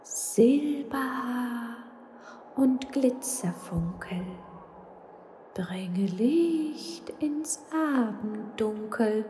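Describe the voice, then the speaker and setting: A woman voicing a gentle, mysterious male ghost who speaks in a breathy, slow, hooting way. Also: a little high, a little hiss or hum, pitched above the performer's own voice.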